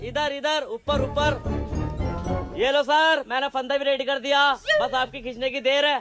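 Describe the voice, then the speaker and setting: Guy doing a fawning little snitch, whines and begs, super high pitched, music under it. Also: very animated, full character voice. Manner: whiny, fawning, quick to beg. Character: sly cowardly troublemaker, eager snitch. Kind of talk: comic spoof acting.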